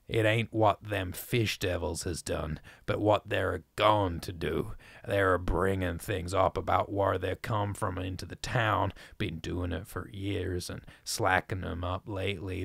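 A man voicing an ancient, frightened old man who rants in a rustic old dialect, ranting and shrill. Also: creaky, no echo, studio quality, heavily acted.

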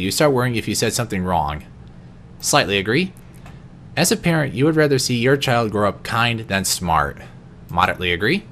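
A man reading personality quiz questions aloud in an unscripted vlog, answering each one in a quieter, lower voice with the odd stumble. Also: slight background noise. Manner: occasional stumbles and restarts. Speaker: vlogger.

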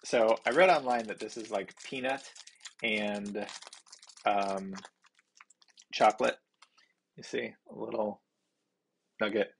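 A man, hosting a casual foodie snack review in a halting way, thinking aloud as he describes flavours. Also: lowish voice, steady tone, creaky, slight background noise. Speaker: food review host. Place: small indoor home office.

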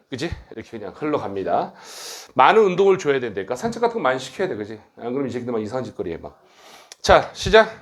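A middle-aged man directing his academy and teaching a grammar lecture, brisk and blunt, teasing his students and tagging on quick questions. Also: on the high side.

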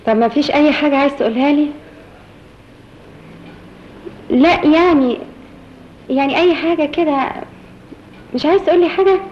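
High-voiced teasing young wife with an Egyptian accent, played by an actress, dull old film soundtrack. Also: female voice, quick pace, a little hiss or hum, close to an everyday voice. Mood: hinting. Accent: Egyptian Arabic. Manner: teasing and coaxing. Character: playful affectionate young wife. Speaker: young office-working wife.

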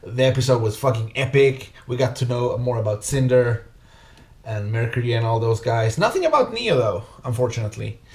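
A man's voice: mid-range voice, lively intonation, a little fast. A man in his thirties giving casual, enthusiastic, sweary reaction commentary as a video host. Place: small home music room, indoors.

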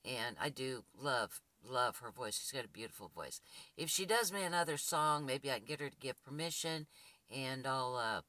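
A woman with a husky, gruff, dark voice, hosting her channel and talking casually to viewers with rambling restarts and fillers. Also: very deep voice, animated, normal speed, no echo. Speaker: spiritual channel host.

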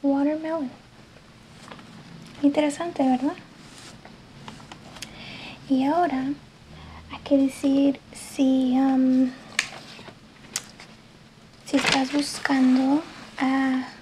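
A woman in a whispered role-play as an English teacher, speaking softly and patiently and slipping between a gentle voice and a whisper. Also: high voice, little pitch movement, a little hiss or hum, low-quality recording. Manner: soft-spoken, slow and patient, drifting between soft voice and whisper. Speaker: ASMR creator playing an English teacher.

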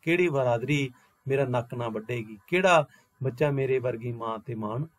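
A man's voice: medium pitch, moderate pace, dry recording, lightly acted. A man reading aloud as a frightened young woman, pleading and full of despair.

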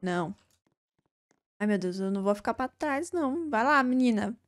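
Jumpy high-voiced woman streamer. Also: lively intonation, moderate pace. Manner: jumpy, squeals and shouts when scared, laughs nervously. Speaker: gaming streamer. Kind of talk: casual let's-play commentary.

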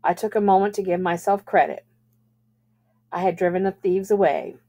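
A woman teacher reading a novel aloud to a class at a measured, even pace. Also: medium pitch.

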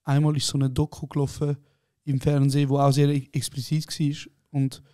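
Laughing Swiss German podcast host. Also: male voice, fairly high pitch, moderate pace. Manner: laughing storyteller, animated quoting. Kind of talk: casual chat.

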